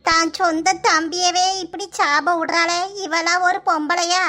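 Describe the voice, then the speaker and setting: A woman's voice: very high voice, level tone, measured pace, background noise. A woman voicing a spiteful gossiping village woman in a cartoon, muttering snide asides.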